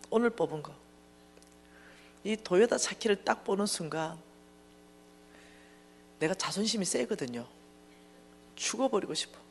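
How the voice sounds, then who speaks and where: A woman giving a lively, humorous testimony sermon in a church, acting out dialogue as she tells the story. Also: mid-range voice. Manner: animated storytelling, acting out dialogue, bursts of laughter. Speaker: church finance lecturer.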